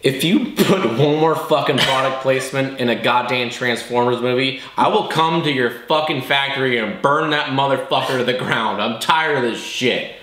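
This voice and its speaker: A man's voice: medium pitch, normal speed, few pauses, pushed and bright, a little hiss or hum. A man in his thirties, tipsy and exasperated, delivering a profane comedic rant as a movie review host in a room. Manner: tipsy from drinking during the review. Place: small indoor bar-style set with brick wall. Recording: roomy, echoey indoor sound.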